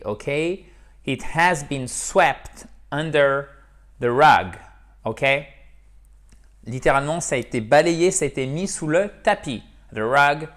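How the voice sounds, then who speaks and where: Man teaching English, chatty. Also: medium pitch. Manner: lively, repeats words slowly, asks ok?. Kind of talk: casual video lesson.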